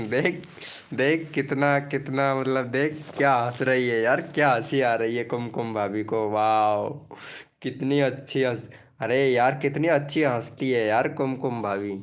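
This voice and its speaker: A man's voice: medium pitch, a little slow. Playful man teasing his live-stream viewers. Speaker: live-stream channel promoter. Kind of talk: casual live-stream chat.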